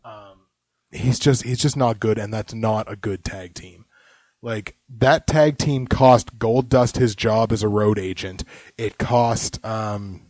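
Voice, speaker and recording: A man's voice: lowish voice, takes it slowly, darkish tone, no room sound. Opinionated man, dry close sound. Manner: opinionated, rambling, drops to muttered asides. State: sick. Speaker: podcast co-host. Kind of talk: casual wrestling chat.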